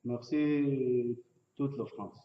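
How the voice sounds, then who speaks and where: Sudanese man speaking halting, broken French, echoey. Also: mid-range voice, fairly even intonation, very noisy. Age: 30s. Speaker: refugee giving testimony. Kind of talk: personal testimony at a public meeting. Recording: dull, echoey room, distant mic.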